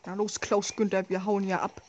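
A woman's voice: mid-range voice, flat delivery, normal speed, slight background noise. A woman giving casual, wry, sarcastic commentary as she plays a horror game. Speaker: let's play host.

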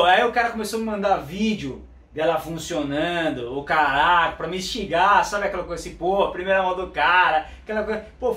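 A man's voice: high-pitched, a bit bright. A man casually telling a story and acting out both sides of the conversations. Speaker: motorcycle vlogger. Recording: roomy room, mic at a distance, faint background hum.

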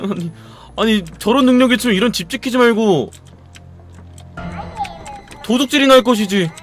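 A man's voice: sits high, normal speed, soft background music. A man giving live commentary as he plays a horror game, jumpy, exclaiming and muttering to himself.

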